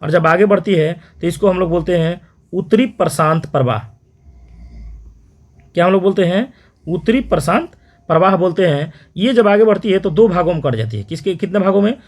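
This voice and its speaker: Guy teaching a geography lesson for exam prep, bit higher voice, keeps asking questions and repeating stuff. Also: expressive, brisk. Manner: repetitive question-and-answer drilling, frequent "theek hai".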